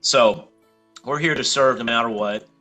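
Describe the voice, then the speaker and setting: A man's voice: mid-range voice, normal speed, sharp tone, faint music behind, rough recording. A middle-aged man from Hawaii, a chiropractor, talking casually as a guest in an interview, easygoing and rambling with lots of fillers.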